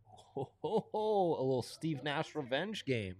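A man's voice: a little high, big pitch swings, a little slow, darkish tone. A man co-hosting a sports betting show, chatting casually and informally.

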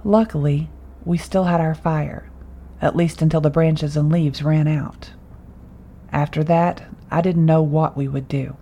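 Mellow low-voiced woman narrating horror. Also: slightly rough, low-quality recording. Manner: calm, measured reading.

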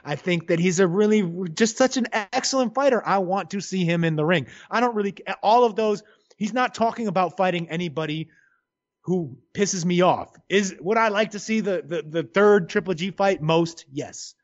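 High-voiced, emphatic man on a lo-fi line. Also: normal speed. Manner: emphatic, playful, opinionated. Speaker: boxing podcast co-host. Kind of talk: casual boxing chat.

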